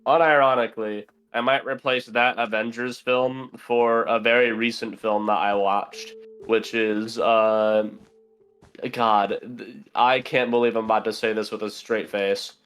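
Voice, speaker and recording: A man's voice: on the low side, flat delivery, measured pace, fairly bright tone, clear, resonant tone. A young man, a podcast guest, chatting casually and rambling with lots of fillers while playing a game. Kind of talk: casual chat while gaming.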